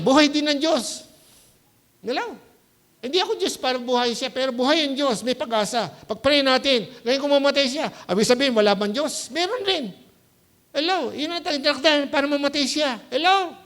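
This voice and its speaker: A man's voice: very high voice, moderate pace, a bit bright. A male pastor giving a conversational sermon at a church service, mixing English words into Tagalog and often asking "Hello?" to check the congregation is following. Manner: conversational preaching with anecdotes.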